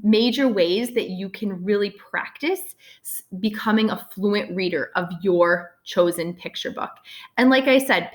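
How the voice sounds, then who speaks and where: Woman teacher in the mid pitch range, casual and chatty, heavy on fillers and "right?". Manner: chatty, many filler words, checks in with "right?". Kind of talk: casual recorded lesson.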